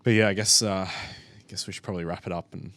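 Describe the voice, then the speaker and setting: A low-pitched man chatting casually as a podcast co-host, recorded dry and close on a studio mic. He talks in a relaxed, rambling way, leaning on fillers like "yeah" and "um". The sound is plain and without any room echo. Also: fast talker. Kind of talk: casual chat.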